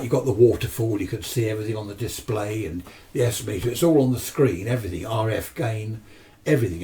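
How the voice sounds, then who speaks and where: Here the same kind of presenter, a seventy-something British radio amateur, rambles happily about his hobby to camera and answers his own questions. His voice sits mid-range and sounds mellow. Captured on a distant mic, there's slight background noise.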